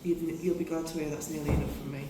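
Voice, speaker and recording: This union general secretary speaks fast in a low voice with little pitch movement while chairing a conference fringe meeting. The British woman works through scripted remarks, restarting often and adding asides to those present. Picked up from far away in an echoey, noisy hall, the audio comes from a conference meeting room.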